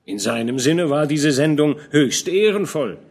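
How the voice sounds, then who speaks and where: A man plays a shrewd, fatherly older field captain, speaking in a knowing, admonishing manner. His pitch is lively and his pace measured.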